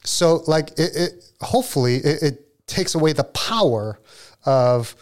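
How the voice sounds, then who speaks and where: A man's voice: a little high, lively intonation, measured pace. Man, 40s, earnest and reflective, casual chat. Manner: earnest, reflective, self-deprecating.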